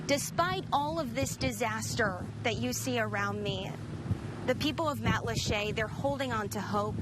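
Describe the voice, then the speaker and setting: A woman's voice: a little high, moderate pace. A woman working as a TV news reporter, giving a field report outdoors. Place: outdoors in storm-damaged town. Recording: loud wind and engine noise, outdoors.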